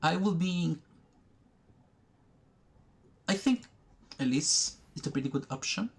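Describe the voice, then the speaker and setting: A man giving educational commentary over a card game, thinking aloud slowly, pausing often and restarting his sentences. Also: on the high side, animated, gravelly, breathy edge. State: has the hiccups. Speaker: gaming video creator. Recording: faint background noise, poor recording.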